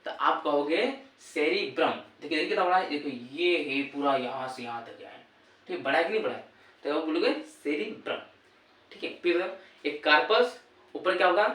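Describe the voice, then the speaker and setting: Male teacher in a classroom, call-and-response quizzing; slightly high voice, roomy and distant recording. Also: moderate pace, a bit bright. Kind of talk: classroom lesson. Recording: echoey room, voice from far off.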